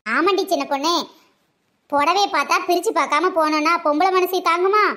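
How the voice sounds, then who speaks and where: A woman's voice: very high-pitched, fairly quick, pushed and bright. A woman with a sore throat, voicing several village women in teasing comic banter. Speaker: comedy skit performer.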